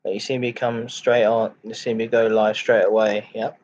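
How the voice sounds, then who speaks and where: A man hosting a casual livestream chat, greeting viewers in a halting, repetitive way. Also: on the low side, little pitch movement, a little mellow, slight background noise. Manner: halting, repeats phrases. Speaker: live streamer, host of a chat and ASMR stream. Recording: dull lo-fi microphone sound.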